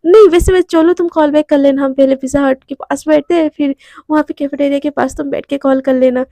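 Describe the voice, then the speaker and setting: A woman's voice: high voice, fairly even intonation, fast, warm tone, no echo. A woman voicing a possessive young boyfriend who keeps questioning his girlfriend. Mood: clingy. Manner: questioning, calls her baby.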